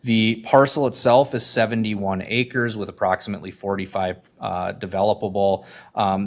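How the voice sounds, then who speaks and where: A man presenting a formal staff report at a public meeting in a measured, procedural way with hesitant phrasing. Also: low-pitched.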